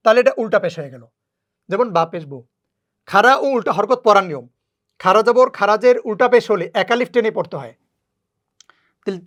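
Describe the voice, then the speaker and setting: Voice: mid-range voice, fairly bright tone. Patient Quran reading teacher. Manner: patient, repeats rules slowly. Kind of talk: step-by-step lesson.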